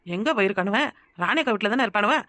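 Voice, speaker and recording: A woman voicing an outspoken young village woman in a cartoon, with a southern Tamil Nadu rural accent, who shouts and scolds. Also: medium pitch, very fast, dry recording, studio quality, close to an everyday voice. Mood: mocking. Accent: southern Tamil Nadu rural dialect. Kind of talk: cartoon voice acting.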